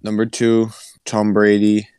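A man's voice: lowish voice, completely flat delivery, a little slow, a little mellow, smooth, no echo, clean studio sound. A young man on a sports podcast who rambles, loses his words and giggles as he talks. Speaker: podcast co-host. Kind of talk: casual sports chat.

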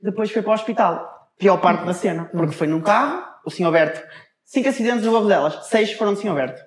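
A man's voice: sits high, fast talker, reverberant. Young Portuguese guy telling stories. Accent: European Portuguese. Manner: animated storytelling with sound effects and slang. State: leg in a cast. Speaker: podcast co-host. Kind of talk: casual chat.

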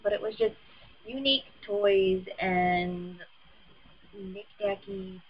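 Husky, chatty woman on a muffled recording. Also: medium pitch, steady tone, slow pace. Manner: chatty, laughs easily. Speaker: podcast co-host. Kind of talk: casual chat.

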